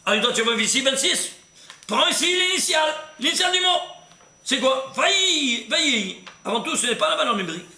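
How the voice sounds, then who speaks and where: Animated rabbi, high bright voice, echoey room. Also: male voice, moderate pace. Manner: animated, quizzing listeners with questions. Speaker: rabbi teaching a class. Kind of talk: recorded Torah class. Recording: echoey room with faint noise.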